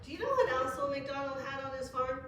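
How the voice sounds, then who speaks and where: A woman's voice: high voice, expressive, fast, a bit bright. A woman leading a story time as a children's librarian, talking to toddlers with encouragement and simple questions. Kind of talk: interactive nursery rhyme and song session for toddlers. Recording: very echoey room, distant mic, noisy.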